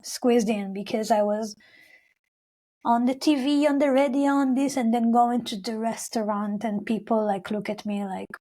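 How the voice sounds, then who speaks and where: A warm, steady voice on the high side, moving at a moderate pace, comes from a young adult woman singer from Israel-Palestine. She speaks Hebrew but tells her story in English in an interview. She rambles, with plenty of fillers and restarts, and acts out her own past words.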